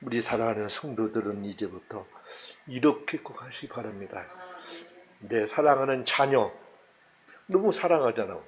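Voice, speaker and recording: A male pastor with a Jeolla Korean accent preaching a Sunday sermon, animated and acting out scenes. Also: mid-range voice, moderate pace, pauses often. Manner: animated, acts out scenes with voices and laughs.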